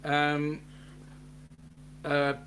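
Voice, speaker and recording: A man's voice: on the high side, drawn-out words, slight background noise. A man with a New Zealand accent co-hosting a casual live chat, reading out viewer comments with plenty of ums. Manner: relaxed, reads out chat messages with filler ums.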